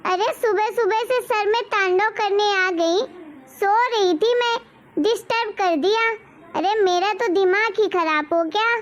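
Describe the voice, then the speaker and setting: A woman's voice: very high-pitched, measured pace. A woman voicing a rude, defiant young daughter-in-law in a cartoon story, talking back in a sassy, bossy way. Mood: irritated.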